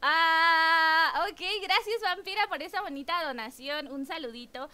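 A young Mexican woman chatting excitedly with her viewers while streaming a game, exclaiming and bubbly. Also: very high-pitched, unhurried. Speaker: gaming streamer. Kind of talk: live-stream chat while gaming.

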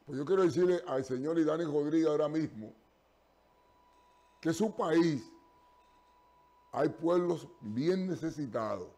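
A man's voice: on the high side, mellow. An older man hosts a live TV call-in show from a studio and speaks into a lapel mic. His speech halts on fillers and restarts, then pushes into emphatic stretches. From Puerto Rico. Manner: halting, with many fillers and restarts, turning emphatic. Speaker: TV call-in show host and pastor.

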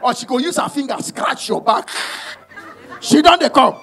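A man with a Nigerian accent doing stand-up comedy in Pidgin and English on a cinema stage. He talks loud and punchy, shouts his punchlines and slips into the voices of the people in his stories. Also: very high voice, normal speed, a crowd in the background, noisy background. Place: cinema hall stage with a live audience. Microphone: handheld mic. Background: audience laughter.

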